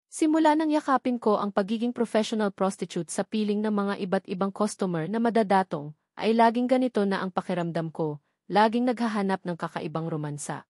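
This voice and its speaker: This studio-quality, echo-free recording features a woman with a Filipino accent as narrator of an audio novel, reading a scripted story in the first person. Her voice is medium-pitched and somewhat mellow.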